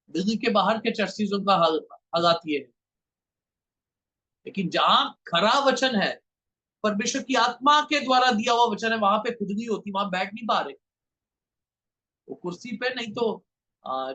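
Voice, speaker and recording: A pastor delivers his sermon in an unusually high, bright and forceful voice. He preaches with fervour, repeating his phrases and throwing rhetorical questions at the congregation. He sounds like a man speaking from a church pulpit. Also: slightly rough, low-quality recording.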